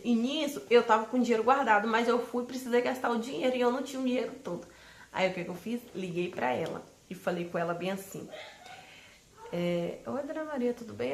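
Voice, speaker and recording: A woman's voice: fairly high pitch, slight background noise. A woman with a Brazilian Portuguese accent telling viewers a personal faith story in an emphatic way, speaking to them directly. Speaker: family vlogger. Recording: roomy echo, faint ambience.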